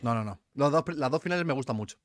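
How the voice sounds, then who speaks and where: A fast-talking young man, chatting casually on a podcast. He drifts through deadpan musings and the recording sounds close and dry, with no room echo. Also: mid-range voice. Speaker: podcast co-host. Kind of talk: casual chat.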